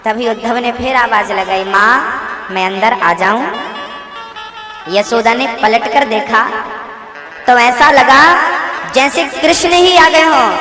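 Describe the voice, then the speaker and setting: A man's voice: extremely high pitch, unhurried. A man telling a devotional story in a sermon, emotional and rhythmic, with many repetitions. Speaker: spiritual storyteller. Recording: echoey hall with faint music.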